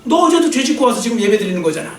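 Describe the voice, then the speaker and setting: A man's voice: very high-pitched, very animated, racing. A man voicing a scornful male devil who taunts sinners with sneering accusations. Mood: taunting. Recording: echoey church sound from a distant mic.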